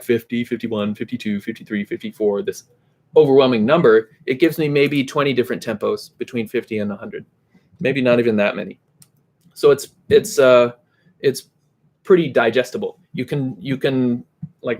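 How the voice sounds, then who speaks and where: A middle-aged man teaching guitar at home in a relaxed, casual way, chanting rhythm syllables to show the tempo. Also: mid-range voice. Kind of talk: casual instructional talk. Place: home room. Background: faint metronome clicks and guitar.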